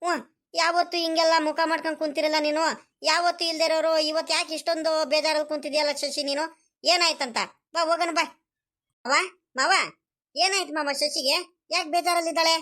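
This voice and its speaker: A woman's voice: high-pitched, flat delivery, a little fast, a bit bright. A woman voicing a young village husband in a comedy cartoon, anxious and full of repeated pleading questions. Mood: worried pleading.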